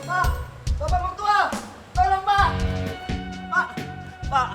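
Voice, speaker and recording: An actor playing a pushy, jealous young suitor in a comic TV serial, whiny and pleading. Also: male voice, very high-pitched, slow pace. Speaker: rejected suitor pleading with the girl's father. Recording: loud music behind.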